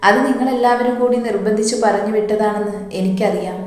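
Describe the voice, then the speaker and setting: A woman's voice: medium pitch, steady tone, fairly quick, a little mellow, natural voice. A woman voicing an emotional, earnest young man confined to bed. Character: bedridden young man, tearful and hopeful. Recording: heavy echo, long reverb.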